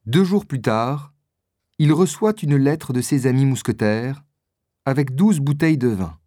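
Male narrator, slow deliberate storytelling, lively intonation, mid-pitched voice, dry close recording. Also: dry recording. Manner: slow, clearly articulated storytelling. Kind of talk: scripted audiobook narration.

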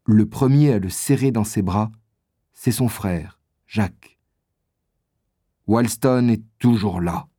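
A man narrating a children's adventure story in a measured storytelling manner. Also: on the low side, dark tone, no room sound, studio quality.

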